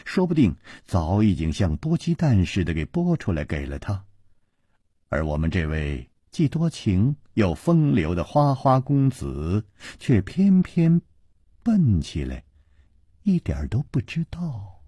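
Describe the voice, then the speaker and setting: A sulky young princess with a sharp tongue, as a man puts her on. She sneers coldly and teases. The husky voice is close and dry. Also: fairly low pitch, huge pitch swings, measured pace, dry recording, pitched above the performer's own voice, exaggerated voice. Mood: mocking. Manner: cold, mocking, sniffing.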